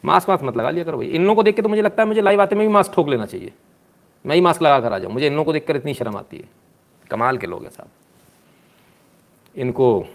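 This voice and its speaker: A man, giving sarcastic live news commentary, mocking and scolding the people in the clips and answering viewer comments. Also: medium pitch.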